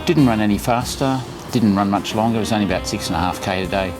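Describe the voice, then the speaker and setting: A man's voice: on the low side, fast talker, music in the background. A man in his sixties talking casually to camera as a running vlogger, chatty, instructive and reassuring as he shares tips. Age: 60s.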